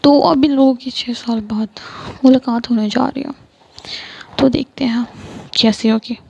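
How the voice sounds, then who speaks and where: A woman storyteller with an Indian Hindi accent retells a romance in a relaxed, chatty way, filling gaps with small asides. Her voice sits slightly high for a woman. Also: a little slow, creaky, dull audio, a little hiss or hum. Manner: loose retelling with fillers. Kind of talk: casual story narration.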